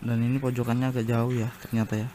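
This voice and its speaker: A man's voice: medium pitch, little pitch movement, fast talker, dark tone, slight background noise. A man giving casual commentary while he plays a zombie survival game, chatting to viewers and exclaiming at jump scares. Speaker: gaming YouTuber.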